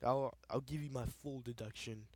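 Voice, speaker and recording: A man's voice: mid-range voice, fairly even intonation, moderate pace. A young man giving casual, rambling commentary over his game footage, often tripping over repeated words. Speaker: let's play gamer.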